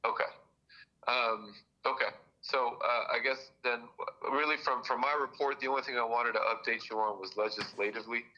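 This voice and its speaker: Flat-voiced man over a speakerphone. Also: medium pitch, moderate pace. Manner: hesitant, full of "uh" and restarts. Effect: heard through a phone on speakerphone. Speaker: advisor giving a report to a city board. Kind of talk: reporting at a public meeting by phone. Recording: muffled phone call over a room speaker.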